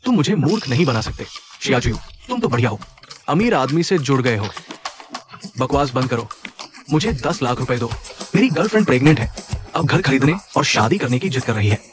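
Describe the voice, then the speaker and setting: A man voicing a greedy young brother-in-law who taunts and demands money. He talks brashly, and his pitch swings widely. Faint music runs under the dubbed drama. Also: big pitch swings, a little fast, natural voice.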